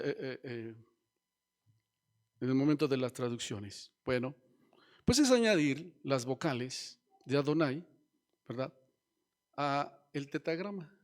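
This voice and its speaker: A man preaching a sermon as pastor, teaching and asking the congregation questions. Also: on the high side. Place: church.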